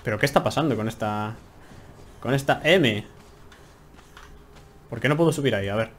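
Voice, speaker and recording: A man's voice: mid-range voice, normal speed, slight background noise. A young man with a Spain Spanish accent giving chatty, exclaiming commentary as he plays a game from home. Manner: chatty, exclaiming, talks to himself while playing. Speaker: gameplay streamer. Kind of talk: casual let's-play commentary.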